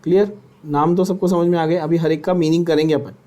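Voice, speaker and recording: A man's voice: a little high, fairly even intonation, fairly quick, warm tone. A man teaching biology for an exam, asking questions and having students repeat terms. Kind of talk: exam-prep lecture.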